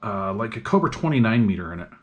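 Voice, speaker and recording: Talking fast with big pitch swings in a lowish voice, this man shows off gear at his indoor radio workbench. He's a hobbyist repair vlogger who mutters to himself in a casual, slangy way over a noisy, clicky recording.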